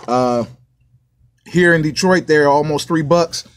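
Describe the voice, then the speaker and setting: A man's voice: a little high, unhurried, slight background noise. An American man hosting a casual food review vlog, upbeat and chatty, often addressing his viewers and dropping catchphrases. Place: small indoor counter by a sink.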